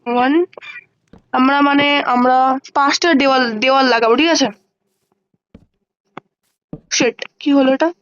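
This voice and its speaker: High-voiced woman chatting through a game. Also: fairly even intonation, highs cut off. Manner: chatty, thinks aloud and counts blocks out loud; quick exclamations and mild swearing when surprised. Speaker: gaming channel host. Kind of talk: casual gameplay commentary.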